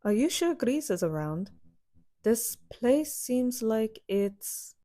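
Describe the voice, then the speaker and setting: A woman's voice: a little high, big pitch swings, takes it slowly, warm tone. A woman playing a stern, fiery young woman warrior who speaks in blunt, clipped lines. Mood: dry.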